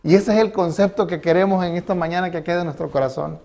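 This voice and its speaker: High-voiced preaching pastor. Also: male voice, fairly even intonation, fast talker, creaky, mellow. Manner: preaching with rhetorical questions and acted quotes. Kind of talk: sermon.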